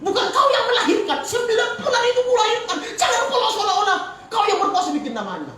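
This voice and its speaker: Guy putting on his wife's voice, high and sharp, scolding him, echoey church from far off. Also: sing-song, fast, heavily acted. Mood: indignant. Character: indignant young wife scolding her husband. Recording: echoey church hall from afar.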